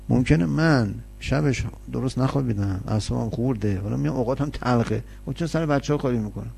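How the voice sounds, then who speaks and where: A man's voice: mid-range voice, gravelly, warm tone, husky. A man giving a conversational sermon, explaining with everyday examples and rhetorical questions. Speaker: religious lecturer.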